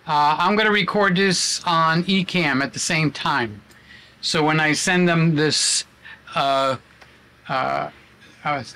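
Chatty man with a bright voice. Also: on the high side. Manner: chatty, self-narrating, many fillers. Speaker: vlogger. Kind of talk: casual vlog talk. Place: home room used as a studio. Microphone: camera on a tripod.

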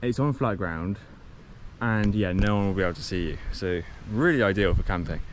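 A young man talks to the camera in a loose, rambling way, often stopping to correct himself. His voice sits on the lower side, and it comes from an action camera held at arm's length outdoors. Faint wind and passing traffic sit behind him. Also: normal speed. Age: young adult. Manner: chatty, rambling, self-correcting. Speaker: cycle touring vlogger. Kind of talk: casual vlog to camera. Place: outdoors on a sunny coastal path.

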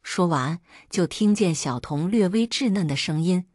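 Casting: woman narrator, lowish voice, steady plain delivery, dry close mic. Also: normal speed, no echo. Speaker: story narrator. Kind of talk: scripted first-person narration.

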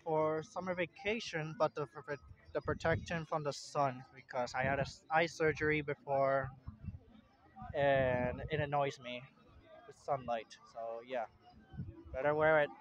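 A young man from Puerto Rico makes a beach vlog, speaking in a slightly high voice with a steady tone. He rambles in an unhurried, plain-spoken way while holding his phone and walking around an outdoor beach park, in and out of a tent. The audio is dull and lo-fi from the phone.

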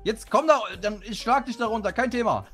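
A man gaming with a friend, excitable, often chanting and yelling during the chase. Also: very high-pitched, fairly quick, soft background music. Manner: excitable, chants and yells while playing. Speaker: co-player. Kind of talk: casual gaming chat.

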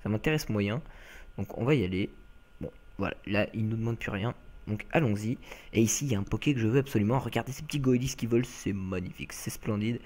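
A man's voice: fairly low pitch, a little mellow. A young man from France giving chatty, casual let's-play commentary, full of fillers and asides to viewers.

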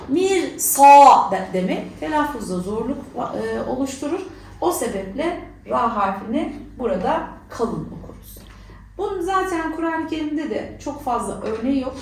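A woman's voice: fairly high pitch, gravelly. Woman, recitation teacher, explanatory, faint background noise, distant mic. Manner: explanatory, asks and answers her own questions. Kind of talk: tajweed lesson. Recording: echoey room, voice from far off.

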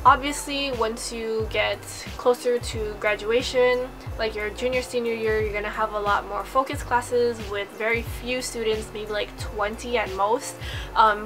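Young woman from hawaii vlogging in her bedroom, chatty, says like a lot, music in the back. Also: on the high side. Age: 20s. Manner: chatty, upbeat, lots of "like". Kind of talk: casual advice vlog. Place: bedroom, indoors. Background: background music.

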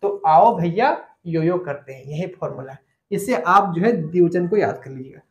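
A man's voice: a little high, expressive, moderate pace. A man teaching an online grammar lesson. He explains step by step, repeats the key points and asks his students questions. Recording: echoey room.

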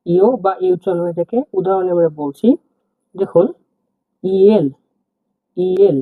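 A man's voice: high voice, steady tone, a little slow, no echo. A man teaching the alphabet step by step, spelling out letters and repeating each word with its meaning. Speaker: language teacher. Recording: tinny phone-like, husky and dry.

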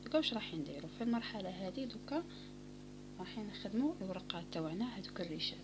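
A woman with an Algerian Arabic accent walks through crochet steps at a brisk clip, her voice often sinking to a soft near whisper. Steady background noise runs under her homemade recording. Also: medium pitch. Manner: calm instructive talk, often dropping to a near whisper. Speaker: crochet tutorial host. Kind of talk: step-by-step craft tutorial.

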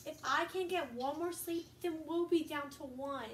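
For a casual vlog, a young girl reads a kids' book aloud in a high, slightly bright voice at a moderate pace, hosting and storytelling. The room is echoey, she sits some distance from the mic, and there is faint background noise.

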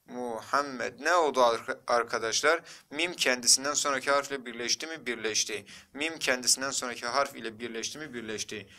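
Bright-voiced man teaching a lesson. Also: medium pitch. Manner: repetitive, drills each word slowly, asks and answers himself. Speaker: religion teacher. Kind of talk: exam walkthrough lesson.

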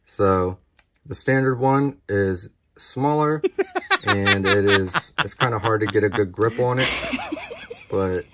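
A man hosts a casual knife review, his voice sitting on the low side. He takes his time, speaking slowly and plainly, and keeps addressing his viewers as guys. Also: noisy background. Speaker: knife review channel host.

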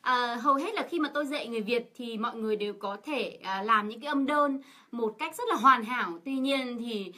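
Bright-voiced woman. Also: a little high, a little fast. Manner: asks rhetorical questions of the class, with many fillers. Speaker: co-teacher and interpreter. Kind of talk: explaining a lesson in Vietnamese.

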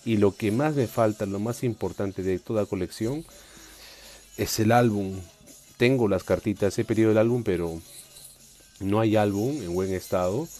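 A man with a lowish, mellow voice hosts a live unboxing stream for collectors from a tabletop indoors. He's chatty and upbeat, reading viewer comments out loud as he goes.

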